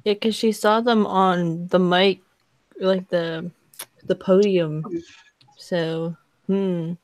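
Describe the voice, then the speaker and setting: A woman's voice: lowish voice, fairly even intonation, slow pace, a little mellow, no echo. A woman chatting casually as a podcast panelist. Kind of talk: casual chat.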